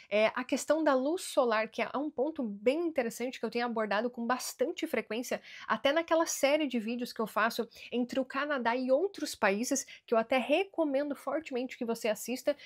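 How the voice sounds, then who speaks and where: A Brazilian woman giving earnest immigration advice straight to camera in a vlog, slowing down to stress key words. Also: high-pitched. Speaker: immigration vlogger.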